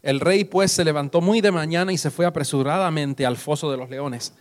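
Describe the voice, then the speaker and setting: Man reading scripture aloud, high voice. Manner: steady, measured reading. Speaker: scripture reader.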